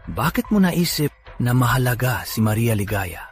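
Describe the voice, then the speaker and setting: A man's voice: medium pitch, big pitch swings, normal speed, faint music behind, lightly acted. A man playing a stern, commanding boss. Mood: demanding. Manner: commanding, curt. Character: stern, authoritative male boss. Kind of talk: dubbed drama acting.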